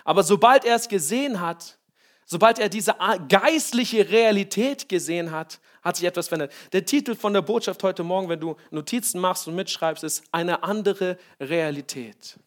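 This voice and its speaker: A man's voice: high-pitched, animated, normal speed. A male pastor preaching a sermon, emphatic, often checking in with his congregation.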